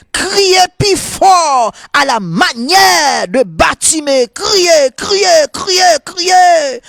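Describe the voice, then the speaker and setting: Haitian Creole-accented male priest, slow and gravelly, dry close sound, fervent morning sermon. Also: extremely high pitch, dry recording. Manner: fervent, repetitive call-and-response cadence; soft murmured prayer.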